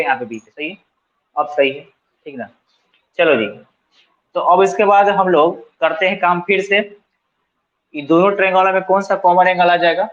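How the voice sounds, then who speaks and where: This is a math lesson at a coaching centre: the tutor, a man with a Bihari accent, speaks casual Hindi sprinkled with English math terms, quizzing students and supplying the answers himself step by step. His voice runs on the high side, and the audio loses its top end.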